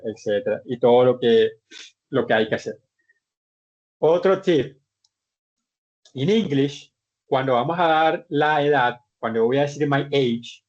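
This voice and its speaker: A man teaching an English class online in Spanish, explaining step by step with patient repetitions and restarted words. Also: medium pitch. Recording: dull lo-fi online class audio.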